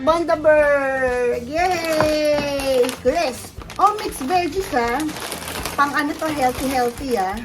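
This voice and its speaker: A woman's voice: sits high, noisy background. A middle-aged woman with a Filipino accent chatting effusively while unboxing gifts, switching between English and Tagalog. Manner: effusive, mixes English and Tagalog, thanks gift-givers. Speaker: vlogger. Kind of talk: casual unboxing chat.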